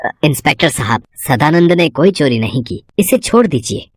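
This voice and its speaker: A woman's voice: low voice, expressive, moderate pace, breathy edge, no room sound, clean studio sound. A woman voicing a humble, devout older village priest in a cartoon story, speaking earnestly.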